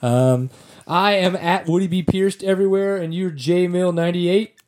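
A man's voice: high-pitched, normal speed, a little mellow. A man hosting a casual podcast chat who rambles, restarts his phrases and laughs often. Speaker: podcast host.

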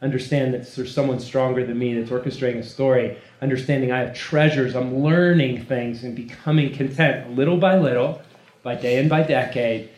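A preacher leads a teaching session in a room, speaking live to a gathering in an informal, conversational way, emphatic and repeating phrases for weight. His voice is medium-pitched and a little mellow. The room is echoey, with background noise.

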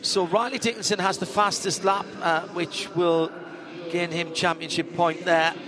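A man's voice: high-pitched, flat delivery, a little slow, crowd noise. A man giving live motorsport commentary as lead announcer, calling the action play-by-play and correcting himself as he goes. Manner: running play-by-play with self-corrections. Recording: loud car and engine noise behind. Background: race cars, trackside ambience.

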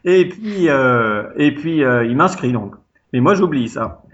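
A man from France tells a long childhood story as an interview guest, rambling warmly with plenty of fillers and restarts. His pitch sits in an ordinary middle range. The recording sounds a little dull and lo-fi. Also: a little slow. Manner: chatty, animated anecdotes with many fillers. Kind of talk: casual storytelling.

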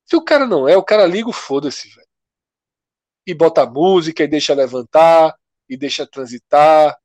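A man from co-hosting a casual panel chat, talking in a loose, slangy, animated way. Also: a little high, moderate pace, no echo. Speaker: co-host.

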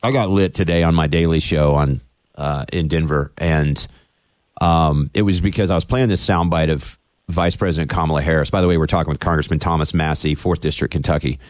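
A radio talk show host interviewing a guest, opinionated and getting worked up. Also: male voice, a bass voice, fairly even intonation, brisk, a little mellow, no room sound.

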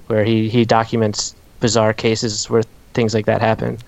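A man's voice: lowish voice, monotone, moderate pace, gravelly, a little mellow, dry recording. Hesitant man on dull dry podcast audio. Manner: hesitant, stumbles and repeats words. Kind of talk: casual chat.

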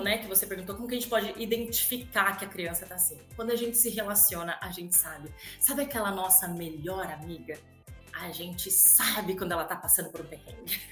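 A Brazilian woman speaks as a parental educator in a casual, animated way. She keeps slipping into short acted-out quotes. Her bright, forward tone rings in a roomy, echoing space. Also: medium pitch. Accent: Brazilian Portuguese. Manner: animated, acts out little quoted scenes. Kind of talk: casual chat.

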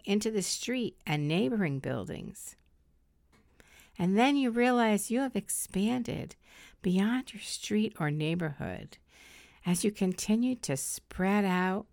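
Middle aged lady doing guided meditation, really slow n soft, breathy and soothing, lowish voice, dry close sound. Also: dry recording. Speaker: host leading guided meditation.

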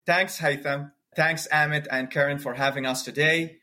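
A man's voice: fairly high pitch, fairly even intonation, normal speed, sharp tone. A man from Syria, a cardiology fellow, introducing himself as a podcast guest in a friendly, lightly joking way. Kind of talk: prepared self-introduction.

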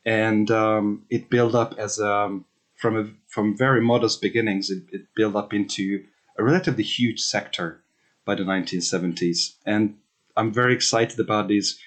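A man's voice: on the low side, a bit bright. A man from Hungary in his thirties, a researcher answering interview questions thoughtfully, with many fillers and restarts.

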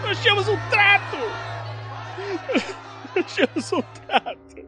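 Guy acting scared crook in a crime audio drama, highish nervy voice jumping all over, music behind. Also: huge pitch swings, fast talker, a crowd in the background. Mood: desperate pleading. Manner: nervous, stammering, pleading. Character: cornered, frightened male crook pleading for his life.

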